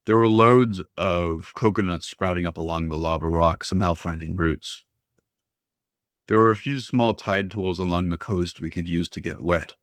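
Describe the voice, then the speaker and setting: Deep-voiced guy narrating a storybook, dry close mic, calm and steady. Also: no room sound. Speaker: audiobook reader. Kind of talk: scripted first-person narration.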